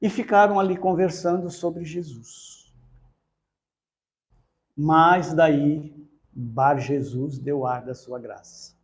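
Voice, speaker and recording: A man telling a religious story in a spiritist study talk, unhurried, with occasional self-corrections. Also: fairly high pitch, fairly even intonation.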